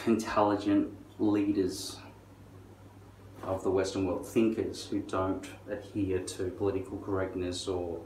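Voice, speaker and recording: A middle-aged man with a low voice rambles through a sardonic, foul-mouthed rant. He drags some words out and punches others. He sounds distant from the microphone, with roomy echo around him. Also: level tone, slow pace, a little mellow. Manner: sardonic, profane. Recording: distant mic, roomy echo, faint noise.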